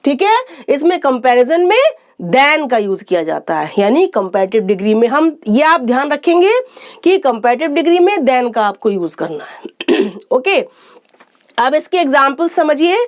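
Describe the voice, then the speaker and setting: A woman teaching a grammar lesson, explaining step by step, asking questions and answering them herself, and reading example sentences slowly and deliberately. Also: sits high, sing-song. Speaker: English teacher. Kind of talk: classroom-style grammar lesson.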